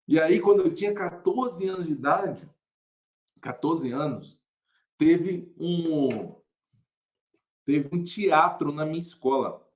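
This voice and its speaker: A man's voice: expressive, slow, pauses often. A young adult male pastor telling a personal story in casual talk, greeting viewers by name and laughing often. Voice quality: somewhat deep voice.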